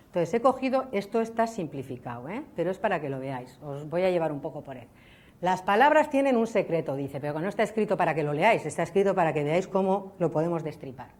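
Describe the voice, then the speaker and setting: A woman giving a lively public science lecture, often checking in with her audience. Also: lowish voice. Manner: lively, chatty, addresses audience with ¿vale?. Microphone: speaking to a hall audience.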